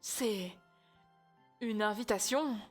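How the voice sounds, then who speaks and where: A young woman streaming a game, chatting excitably and talking over herself, with game music in the background. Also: mid-range voice, slow. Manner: excitable, chatty, many restarts and gasps. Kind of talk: casual gaming stream chat.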